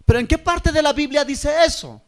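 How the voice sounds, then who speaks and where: A male preacher with a noticeably high voice delivers his sermon. He keeps throwing rhetorical questions at the congregation and checks in with a quick "¿ya?" as he goes. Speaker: pastor.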